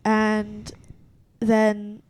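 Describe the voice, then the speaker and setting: A young woman co-hosting a podcast, telling animated stories in casual chat, full of "like"s and restarts. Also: mid-range voice, drawn-out words, smooth. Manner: chatty, many "like"s and restarts, animated storytelling. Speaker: podcast co-host.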